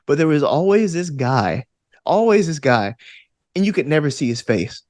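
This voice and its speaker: In a clean, echo-free studio recording, this American interview guest, an actor and game master, spins informal stories with lots of "like" and "you know." He sounds enthusiastic, with a fairly high, sing-song voice, a darkish tone and normal speed.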